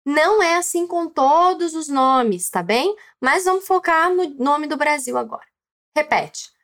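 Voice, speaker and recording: A woman's voice: high voice, lively intonation, a little slow, fairly bright tone. A woman with a Brazilian Portuguese accent hosting a language lesson podcast, encouraging the listener to repeat after her. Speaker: Spanish teacher and podcast host.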